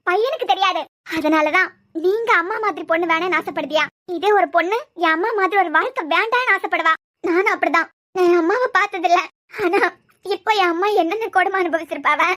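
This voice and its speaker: A woman's voice: very high-pitched, fairly bright tone. A woman voicing a proud young wife in a cartoon series who fiercely defends her family, lecturing and defiant, with a Kanyakumari Tamil accent. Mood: reproachful. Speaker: cartoon character. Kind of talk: cartoon web series dialogue.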